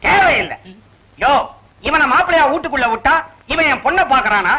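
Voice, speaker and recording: A man's voice: extremely high pitch, expressive, a little fast, bright, forceful tone, muffled recording. A man playing a rich, boastful father in a film comedy, dismissive and mocking.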